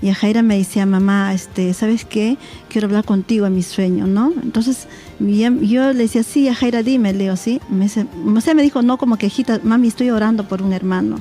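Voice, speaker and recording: A middle-aged Peruvian mother gives her testimony on a church talk show, her medium-pitched voice warm and fairly quick, with faint music behind. She speaks Spanish with a Peruvian accent and acts out dialogue she remembers.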